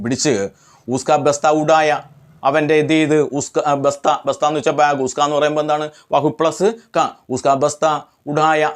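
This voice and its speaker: A man teaching a lesson, translating line by line and asking questions that he answers himself. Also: fairly high pitch. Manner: translates phrase by phrase, repeating words. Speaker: Hindi tutor.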